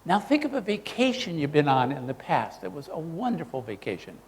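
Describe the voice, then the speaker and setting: Teaching a live workshop, a man acts out example voices with lively swings in pitch, his voice sitting a little high for a man and moving a little fast. The large hall gives a long echo and a faint hum of room noise.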